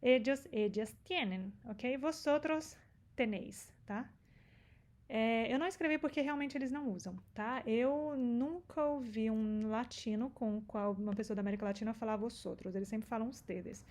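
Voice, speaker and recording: A Brazilian woman with a slightly high voice explains song lyrics as a teacher. She slows right down to repeat single words, patient and clear about each sound. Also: darkish tone. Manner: patient, repeats words slowly to show pronunciation. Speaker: Spanish teacher.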